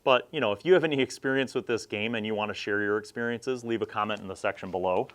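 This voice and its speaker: The host of a review series on vintage roleplaying magazines, a middle-aged man, rambles a bit in a casual, conversational commentary. He speaks fast, in a lowish voice with a touch of brightness.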